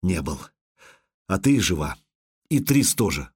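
A man doing a grim weary warrior, low and hushed. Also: very animated, a little slow, slightly rough, heavily acted. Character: weary grim male warrior, calm and protective. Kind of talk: audiobook character voice.

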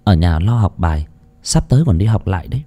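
A man voicing a caring middle-aged mother who advises gently and calls out urgently. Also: deep voice, animated, quick pace. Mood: gentle. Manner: tender advice, then urgent calling.

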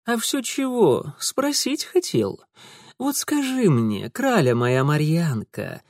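A man's voice: a little high, very animated, takes it slowly, dry recording, heavily acted. A man voicing a cruel, mocking male street thug who talks in folksy slang, in a dry-sounding audiobook reading. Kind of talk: audiobook character voice.

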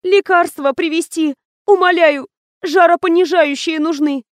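A woman's voice: extremely high pitch, steady tone, a little slow, dry recording, clean studio sound, voice pushed up. Woman putting on a whiny fake-sick young woman. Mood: pleading whine.

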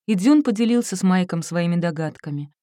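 Reading a novel aloud as an audiobook narrator, a woman uses a lowish, dark, expressive voice at a fairly quick pace. She voices all the characters' lines herself with slight shifts in this scripted narration, recorded dry at studio quality.

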